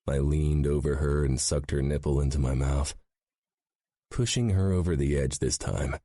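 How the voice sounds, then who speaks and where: A man narrating a romance audiobook in the first person, with a low, even, intimate delivery. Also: vocal fry, breathy edge, no room sound, clean studio sound.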